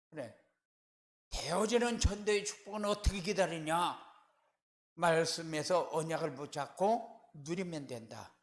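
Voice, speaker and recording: A man preaching a sermon as pastor, asking rhetorical questions and answering them with firm, repeated refrains, swelling louder on key words. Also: fairly high pitch, roomy sound. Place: church sanctuary.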